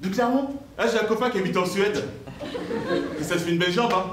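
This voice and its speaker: A man from Normandy doing a stand-up comedy set, jumping high for quoted voices and dropping low for asides. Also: steady tone, fast talker, a crowd in the background. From Normandy, France. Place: stage in an echoey hall. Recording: echoey, distant live recording, noisy.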